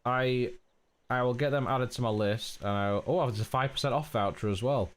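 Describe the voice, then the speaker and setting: A man's voice: mid-range voice, moderate pace. A man in his thirties with a nasal voice, chatting casually to viewers during a game stream. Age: 30s. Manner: rambling, chatty, talks to chat as mate. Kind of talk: casual live-stream chat.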